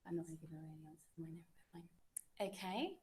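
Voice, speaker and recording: A woman's voice: deep voice, fast, darkish tone. A young woman, a French teacher, running a classroom quiz with pupils in an encouraging, chatty way.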